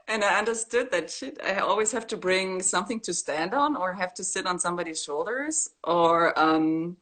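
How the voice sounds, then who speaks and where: A woman's voice: on the low side, normal speed. A woman from East Germany, chatting candidly about her work in a video-call interview, with many fillers. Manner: relaxed, candid, with frequent fillers and laughs. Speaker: graffiti artist guest. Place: indoor room at home. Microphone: laptop webcam on a video call.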